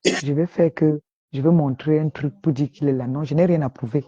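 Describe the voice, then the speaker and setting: Deep-voiced Cameroonian woman, emphatic. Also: fairly even intonation, fairly quick, warm tone, husky. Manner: emphatic, opinionated storytelling. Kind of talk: casual chat. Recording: dull lo-fi sound.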